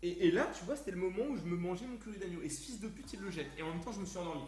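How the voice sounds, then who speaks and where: Animated, crude-talking young streamer. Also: male voice, sits high, rapid-fire, a little hiss or hum. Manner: animated, crude, laughing, full of fillers. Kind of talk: casual storytelling on a live stream. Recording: roomy echo, faint music.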